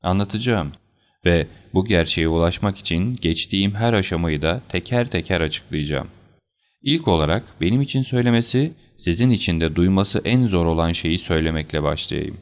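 A man voicing a calm, assured detective who explains things in a measured, slightly stern way, for an audiobook. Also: low-pitched. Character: calm, assured male detective, cool and deliberate. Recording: slightly dull lo-fi recording.

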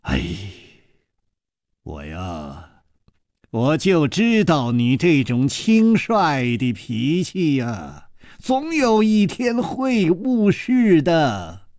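A man's voice: a little high, wildly swooping pitch, drawn-out words, darkish tone, no room sound, clean studio sound, full character voice. A man voicing an earnest young male swordsman who frets and draws out his words with sighs. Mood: worried.

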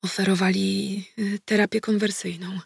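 A man's voice: high voice, flat delivery, moderate pace, gravelly, husky, no echo, studio quality, full character voice. A woman doing a shy, sad young werewolf boy. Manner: hesitant, soft, ashamed.

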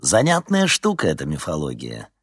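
A man's voice: extremely low pitch, huge pitch swings, moderate pace, fairly bright tone, husky, dry recording, studio quality, heavily acted. A man doing a charismatic history teacher. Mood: engaging. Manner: engaging, lecturing.

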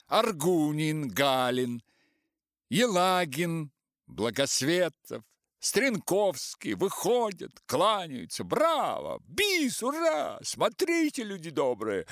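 A man's voice: on the high side, takes it slowly, no room sound, studio quality, voice pushed up, exaggerated voice. A man playing a sly mocking theater actor. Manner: sarcastic, animated, mimicking.

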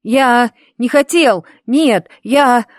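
Woman reader as a terrified young lad: high, shaky, pleading, dry booth sound. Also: animated, measured pace, no room sound. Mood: sobbing plea. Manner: high, tearful, desperate. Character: panicky teenage boy, scared and pleading.

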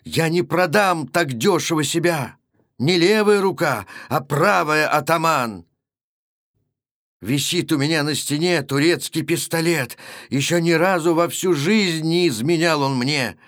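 A man's voice: fairly high pitch, a little slow, fairly bright tone, dry recording, clean studio sound. A man voicing a proud young Cossack husband, stern and commanding, in a storybook reading. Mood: defiant.

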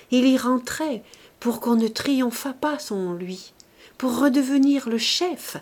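A woman reads a classic novel aloud in a measured, expressive way. She takes her time and lets each phrase settle. Her mid-range voice rises and falls with the emotion of the story. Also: medium pitch. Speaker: audiobook narrator. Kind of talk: literary audiobook reading.

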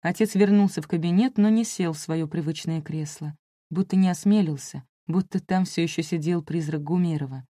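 Woman reading a novel in a dark voice. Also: fairly low pitch, fairly quick, dry recording, clean studio sound. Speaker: audiobook narrator. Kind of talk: first-person audiobook reading.

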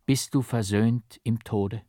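A man voicing a remorseful monk who pleads slowly and solemnly. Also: lowish voice, steady tone, warm tone, dry recording, studio quality. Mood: anguished pleading.

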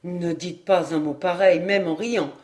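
A woman reading an audiobook, voicing an earnest, deeply moved young doctor in a lowered, soft-spoken voice. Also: measured pace, close to an everyday voice.

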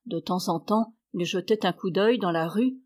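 A woman's voice: medium pitch, moderate pace, a little mellow. Woman narrating a classic story. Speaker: audiobook reader. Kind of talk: literary audiobook narration.

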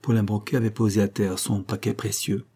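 A man narrating a detective novel audiobook in a steady, even storytelling manner. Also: fairly low pitch, brisk, creaky, slightly rough.

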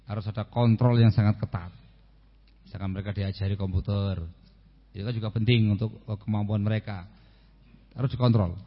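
A man giving a lively religious lecture on a radio program, often stopping to check that his listeners understand. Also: on the low side, big-room sound, muffled recording. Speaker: Islamic preacher.

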